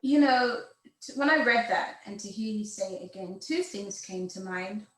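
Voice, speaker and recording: A woman's voice: medium pitch, expressive, moderate pace, a bit bright. Woman host asking questions, roomy sound. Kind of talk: interview conversation. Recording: roomy echoing room.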